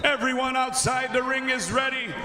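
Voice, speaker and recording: An American man working as a boxing ring announcer, making formal, drawn-out introductions in a showy voice projected to the crowd. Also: very high voice, level tone. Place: boxing arena, center of the ring. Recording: echoey arena PA with loud crowd noise.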